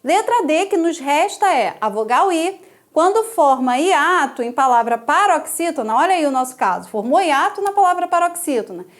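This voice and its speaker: A Brazilian woman with a high voice teaches a grammar lesson for exam candidates. She explains each step patiently and keeps checking in with her students through frequent tag questions. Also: big pitch swings, normal speed. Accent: Brazilian Portuguese.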